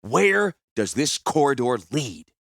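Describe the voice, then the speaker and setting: A man's voice: medium pitch, sing-song, fast talker, a bit bright, breathy edge, no echo, clean studio sound, exaggerated voice. A man voicing a stern male commander who speaks in clipped, commanding tones.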